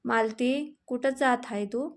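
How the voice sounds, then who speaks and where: A woman voicing a gentle, peacemaking older mother-in-law in a storybook reading, soothing and calming. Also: fairly high pitch, a little slow.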